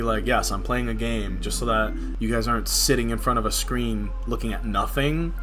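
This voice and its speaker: With music in the background, a young male streamer from New York City speaks at a medium pitch with a bit of brightness. His gaming livestream chatter is relaxed, candid, and slangy.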